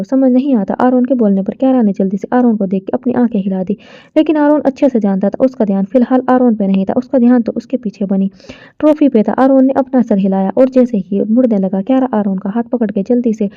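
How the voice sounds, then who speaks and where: Female storyteller, soft steady reading, fairly high voice, lo-fi muffled sound. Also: quick pace, dry recording. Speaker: narrator. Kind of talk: storybook narration. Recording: dull lo-fi dry recording.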